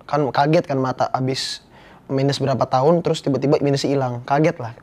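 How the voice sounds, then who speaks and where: A man's voice: medium pitch, fairly even intonation, brisk, darkish tone. Young man, candid and slangy. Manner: candid, slangy, earnest storytelling. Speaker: guest actor. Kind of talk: casual interview chat.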